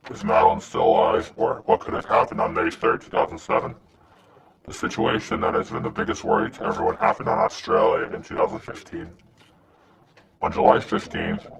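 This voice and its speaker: A man reading a scripted anonymous message in a disguised, pitched-down voice. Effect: disguised voice, pitched down and gravelly. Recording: noisy, distant-sounding recording.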